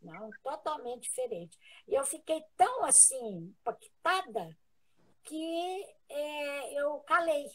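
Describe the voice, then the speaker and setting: A woman with a Brazilian Portuguese accent, a guest in a live interview, telling a personal story in an earnest, halting way with many restarts. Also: high voice, pushed and bright, rough recording.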